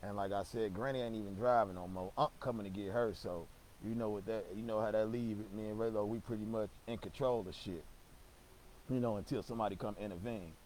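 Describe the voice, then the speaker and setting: A man's voice: fairly low pitch, steady tone, fairly quick, darkish tone, slight background noise, rough recording. A young man telling a casual story, rambling and slangy, with lots of swearing and stammered restarts.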